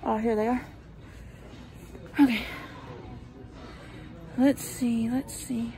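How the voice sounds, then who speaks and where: A woman's voice: on the high side, fairly even intonation, extremely slow, mellow. A woman vlogging as she walks through a large store, chatting and thinking aloud through a cloth face mask. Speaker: parent vlogging a shopping trip. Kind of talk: casual vlog narration while shopping.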